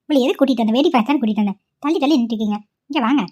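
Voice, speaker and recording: A woman voicing several village women in a cartoon, with quick, chatty banter. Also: a little high, dark tone. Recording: dull lo-fi audio.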